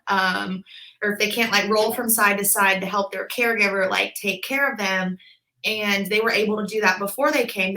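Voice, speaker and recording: Young woman, bright voice, chatty and casual, lots of fillers, podcast guest. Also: mid-range voice, rough recording. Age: 20s. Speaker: guest, physical therapist.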